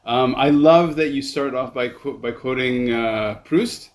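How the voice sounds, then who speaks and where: Halting male podcast host, mid-pitched. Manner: halting, repeats words as he thinks. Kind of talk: casual interview chat.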